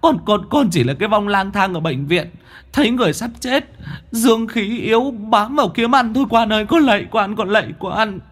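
A man voicing a shrieking old female spirit that has possessed an old woman, shrill and pleading. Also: expressive, normal speed, a bit bright. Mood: begging.

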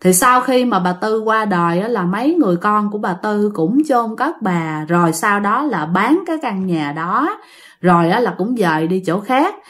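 A woman's voice: medium pitch, expressive, normal speed. A woman telling a ghost story in a chatty way, addressing her listeners directly.

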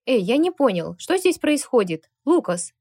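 A woman voicing a big, bald, brash male friend who talks loud and crude, in an audiobook. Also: on the high side, moderate pace, no room sound, clean studio sound, lightly acted.

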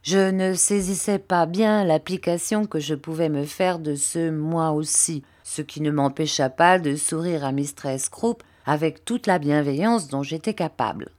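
A woman narrating a classic novel as an audiobook, in expressive, measured storytelling. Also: low voice.

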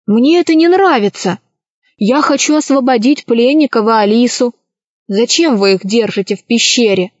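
A woman's voice: a little high, lively intonation, moderate pace, darkish tone, no echo. A woman reading a children's story aloud and voicing a brave, modest boy who speaks earnestly. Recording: dry, slightly dull recording.

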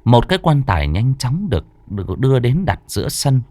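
A man's voice: mid-range voice, very animated, fairly quick, warm tone, no echo. A man narrating a rural ghost story in a dramatic storytelling manner.

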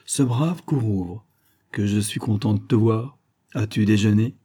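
A man's voice: fairly low pitch, unhurried, dark tone, breathy edge. A man doing a plump, eager, naive fellow. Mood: effusive. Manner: eager, effusive.

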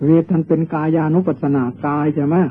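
An older Thai monk delivers a dharma sermon in a slightly raised voice, patiently explaining and repeating meditation chants. The sound is thin and tinny, like an old tape played through a narrow speaker, with faint hiss underneath. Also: male voice, fairly high pitch, flat delivery. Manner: patient, repetitive teaching with drawn-out meditation chants. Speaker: Buddhist monk.

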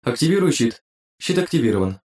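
A calm female AI assistant, as a male narrator puts her on reports system status in a flat, businesslike tone. The lines come out brisk and quick. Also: mid-range voice, pitched above the performer's own voice, natural voice. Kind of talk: audiobook character voice.

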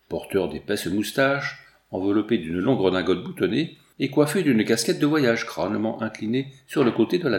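A man reading a storybook aloud with measured, even storytelling. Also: medium pitch, creaky. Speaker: audiobook narrator. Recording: echoey room.

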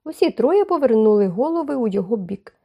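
A woman narrating a novel as an audiobook, in a measured, expressive reading. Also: fairly high pitch, vocal fry, highs cut off.

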